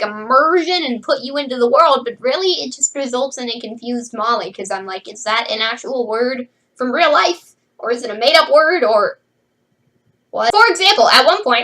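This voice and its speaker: A young woman reviewing a fantasy novel in a chatty, animated way, full of asides and "like"s. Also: fairly high pitch, low-quality recording. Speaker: book reviewer. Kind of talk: casual book review vlog.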